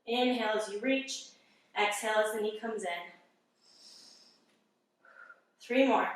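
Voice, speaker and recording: A woman yoga instructor calmly guiding a workout, giving encouraging breath cues and sounding slightly out of breath. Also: medium pitch, unhurried. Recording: very echoey room, mic at a distance.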